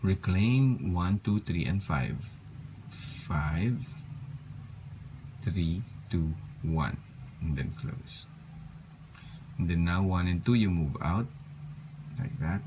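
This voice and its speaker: A man's voice: low voice, animated, slow pace, pauses often, background noise. A tired man teaching a bracelet-making tutorial step by step, counting loops aloud and apologizing for his slips. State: tired, yawning. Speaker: craft tutorial host.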